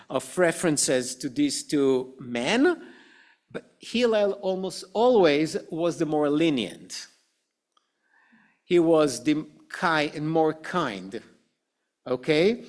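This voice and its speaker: A man teaching an adult education class in a slow, conversational way, often checking with "okay?" and asking the group questions. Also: fairly high pitch. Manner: frequent "okay?" and "right?" checks, many "uh" fillers. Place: synagogue classroom.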